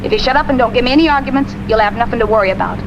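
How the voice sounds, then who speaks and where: A woman's voice: on the high side, rapid-fire, lo-fi sound, background noise, lightly acted. An actress playing a tough, bossy woman in a 1940s film noir, with a put-on New York accent and a snappy, menacing, slangy delivery. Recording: old film soundtrack with music.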